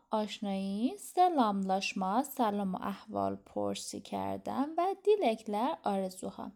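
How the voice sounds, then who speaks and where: A woman teaching a language lesson. She says words slowly and clearly, translates them, and explains pronunciation. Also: medium pitch, dark tone. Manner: reads Turkish words slowly, then translates them into Persian; gives explanations quickly and clearly.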